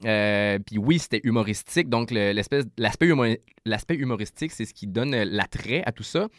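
A man with a Québécois French accent, a rapper guest explaining rhyme in a casual interview, animated and full of restarts. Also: fairly low pitch, fairly quick, dry recording, studio quality.

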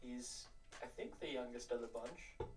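A man chatting casually on a tabletop game podcast, speaking haltingly and laughing at himself. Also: medium pitch, poor audio. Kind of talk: casual chat while playing a tabletop game.

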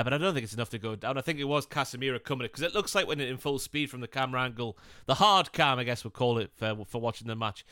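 A man co-hosting a football podcast, talking in a blunt, casual way with plenty of swearing. His voice is bright and smooth. He is recorded close on a dry mic. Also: medium pitch, dry recording. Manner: blunt, swears casually, slips into mocking impressions. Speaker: podcast co-host.

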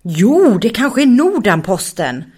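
A woman voicing a playful male animal that pulls a sled in a children's story, excitable and giggly. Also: medium pitch, breathy edge, pitched above the performer's own voice. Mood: eager.

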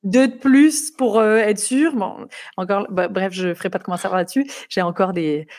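A woman's voice: medium pitch, moderate pace, a little mellow. French woman with a light Québec lilt. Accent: French with a light Québécois touch. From France. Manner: hesitant, many fillers and restarts. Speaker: interview guest. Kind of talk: casual interview over a live call.

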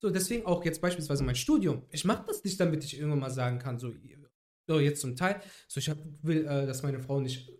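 A man's voice: fairly high pitch, a little fast, darkish tone. A young man chatting casually on a podcast, rambling in street slang with many restarts. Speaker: podcast guest.

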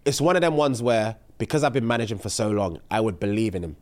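Man in his thirties, emphatic podcast co-host, voice swinging widely in pitch. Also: quick pace. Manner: expressive, emphatic, slangy. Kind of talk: casual chat.

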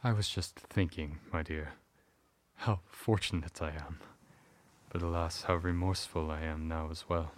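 An actor playing Arthur, a theatrical Victorian gentleman torn between tender devotion and bitter fury at his wife. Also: very deep voice, fairly even intonation, measured pace. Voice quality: theatrical, declamatory. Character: Victorian gentleman Arthur, tormented lover turned furious husband. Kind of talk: radio drama acting.

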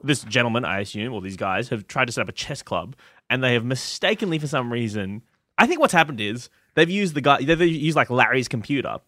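Lively bright-toned man. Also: medium pitch, fairly quick, dry recording, clean studio sound. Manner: joking, reads listings aloud with asides. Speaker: podcast co-host. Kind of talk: casual comedic podcast banter.

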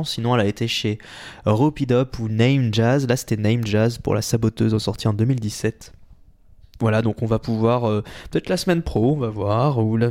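A man's voice: mid-range voice, a little mellow. A man hosting a radio music show in a studio, talking casually and hesitantly, with many fillers and self-corrections.

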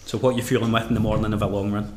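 A Scottish man hosting a live podcast interview, bantering with quick quips. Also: lowish voice, little pitch movement. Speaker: podcast host. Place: room at a live event. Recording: echoey room, faint noise.

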